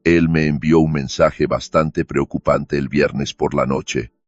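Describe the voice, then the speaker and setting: A cold, imperturbable head of a law firm in an audio story, as a narrator puts him on. He speaks slowly and evenly in a very deep, husky voice, his questions measured and unrelenting. The recording is dull and lo-fi with faint music. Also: fairly even intonation. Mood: impassive. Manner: slow, measured, emotionless, probing. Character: cold, unflappable older male law firm boss.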